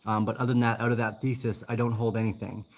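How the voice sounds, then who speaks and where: A man's voice: fairly low pitch, flat delivery, quick pace. A man in his thirties hosting a casual livestream Q&A outdoors, talking loosely with lots of ums and restarts. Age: 30s. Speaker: livestream host. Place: outdoors in the jungle. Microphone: laptop mic.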